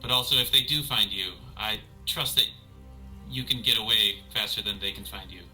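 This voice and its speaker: A man voicing a kind, protective young woman adventurer who speaks gently and reassuringly. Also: lowish voice, normal speed, faint music behind, low-quality recording.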